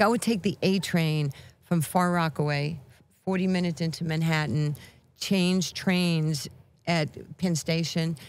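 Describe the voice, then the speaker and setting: A woman with a New York accent, a guest telling animated, street-tough stories with lots of acted quotes. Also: low voice. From New York, USA. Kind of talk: casual storytelling.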